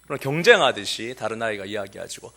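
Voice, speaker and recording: A man's voice: on the low side, fast. A man preaching a sermon as a pastor in a church, using many filler sounds and acting out the voices of the people he quotes. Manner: animated, acts out quoted voices of children and Jesus. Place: church sanctuary.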